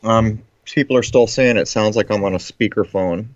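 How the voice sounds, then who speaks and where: An American man hosting a casual live-stream commentary, phrasing his thoughts in a deliberate, hesitant way over muffled call audio. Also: lowish voice. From United States.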